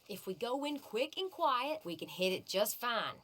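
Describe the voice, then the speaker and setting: A woman's voice: on the high side, very animated, normal speed, fairly bright tone. A woman playing a bold, teasing American outlaw in a Western video game, with a sassy, theatrical manner. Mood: confident, teasing.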